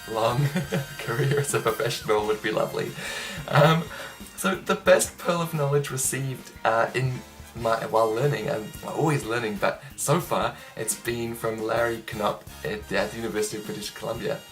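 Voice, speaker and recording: A young man, a trumpet player casually answering interview questions in a relaxed, chatty way with frequent ums. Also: mid-range voice, moderate pace, soft background music. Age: young adult.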